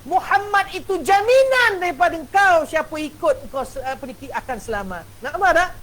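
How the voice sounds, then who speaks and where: A man giving a classical text lecture as a religious teacher, animated and checking his listeners with rhetorical questions. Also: extremely high pitch, brisk, a little hiss or hum, low-quality recording.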